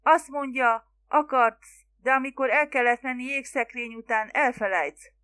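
A woman voicing an excitable male Greek boatman who speaks in broken grammar and shouts when angry, reading an audiobook. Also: high voice, dry recording, voice pushed up. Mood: furious.

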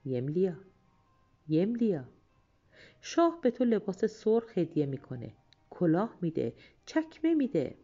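A woman's voice: lowish voice, sing-song, long pauses, warm tone, lo-fi sound, faint music behind. A woman voicing a king's general who coaxes and wheedles, in a storybook reading. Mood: coaxing. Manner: wheedling, persuasive. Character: coaxing royal general, grown man.

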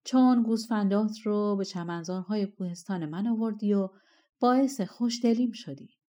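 A woman's voice: medium pitch, mellow, lightly acted. A woman voicing an ancient bearded male treasure spirit of the mountains, harsh and scornful, in a storybook reading. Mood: instructive. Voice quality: harsh, rough. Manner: scornful, insistent.

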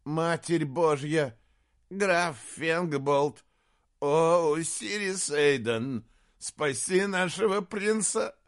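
A man reading an audiobook, voicing an enraged male court jester who shouts curses. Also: a little high, drawn-out words, voice pushed up. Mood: raging.

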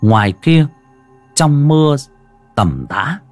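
A man narrating a horror story with dramatic, suspenseful pacing and sharp rises and drops. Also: fairly high pitch, sing-song, slow pace, no echo, soft background music.

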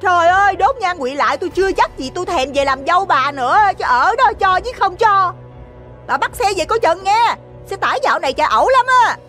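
A woman voicing a rude, sharp-tongued young girlfriend in a story, speaking with scorn. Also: very high voice, big pitch swings, a little fast, soft background music. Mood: mocking. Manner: scornful, snapping, insolent.

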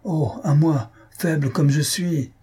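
Brief: reader as a young layabout faking illness, feeble and languid, dark husky tone. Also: male voice, on the high side, slow pace, pitched above the performer's own voice, heavily acted. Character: lazy gluttonous young man feigning illness.

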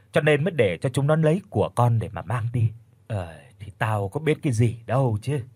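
A man narrating an audiobook story, shifting his pitch for each character's lines. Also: breathy edge, dry recording. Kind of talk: storytelling narration with voiced dialogue.

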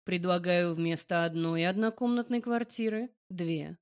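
A woman doing a calm, self-assured boss. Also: on the low side, unhurried, pitched below the performer's own voice, natural voice. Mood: calm persuasive. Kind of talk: audiobook character voice.

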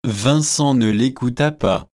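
A man narrating a nineteenth-century novel as an audiobook reader, slow and measured. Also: medium pitch, darkish tone. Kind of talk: scripted narration.

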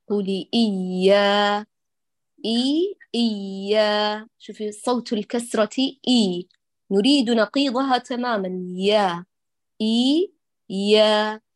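A woman's voice: on the high side, no echo. A woman teaching Quran recitation who patiently corrects her students, models each sound and praises them with many blessings. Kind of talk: online recitation correction lesson.

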